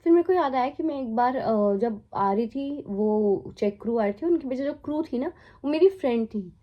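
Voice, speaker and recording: Her voice is a bit high and animated, moving at an ordinary pace over dull-sounding audio. She's an Indian flight attendant in her twenties doing a storytime vlog, mixing English into easygoing Hindi, chatting freely and laughing through her asides.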